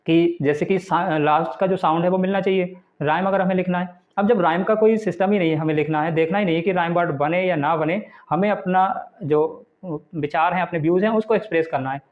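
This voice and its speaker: Through tinny, phone-like audio, a man with a high voice teaches English literature in Hindi. His approach is to read the English definitions slowly and follow with patient explanations.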